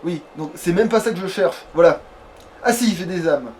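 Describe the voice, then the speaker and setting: Here the let's player talks at a normal speed in a high-pitched, slightly mellow voice while playing and hosting his video. His commentary wanders, keeps things playful, and gets mildly foul-mouthed now and then. A faint hiss or hum sits under the recording.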